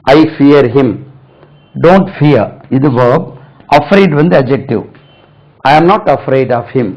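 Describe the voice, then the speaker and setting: A man gives a spoken English lesson in Tamil at an unhurried pace and keeps checking with "right?". He spells each word out letter by letter and says example sentences very slowly. The recording sounds dull and lo-fi. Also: mid-range voice, expressive, a little mellow. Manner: slow, spells words letter by letter and repeats them. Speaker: English teacher.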